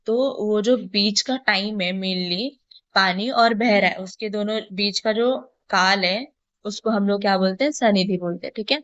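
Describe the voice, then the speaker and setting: A woman's voice: medium pitch, unhurried, a bit bright, no room sound, dull audio. A young woman from India explains a study topic in a lesson, asking rhetorical questions and answering them plainly. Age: young adult. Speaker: student teacher.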